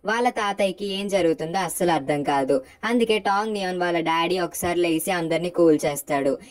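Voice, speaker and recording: A woman's voice: on the low side, brisk. A woman casually retelling a drama's plot as a recap narrator, voicing the characters' lines in her own voice.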